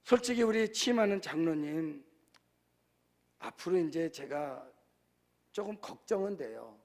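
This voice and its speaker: Gravelly high-voiced Korean pastor preaching. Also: male voice, animated, a little slow. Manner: conversational preaching with rhetorical questions to the congregation. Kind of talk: sermon.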